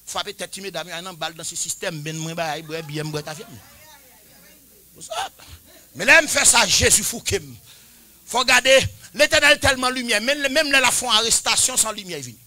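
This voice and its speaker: A man in his forties preaching a sermon, chanting and shouting at the peaks and dropping to quiet, confiding talk between them. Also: high-pitched, expressive, quick pace, dry recording. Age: 40s. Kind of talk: Pentecostal-style sermon.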